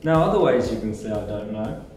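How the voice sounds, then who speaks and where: With a New Zealand accent, a man teaches English phrases in a scripted lesson, acting out each example with exaggerated intonation. His fairly low, darkish voice is brisk and lively, with faint music behind. The room is echoey and the mic sits at a distance.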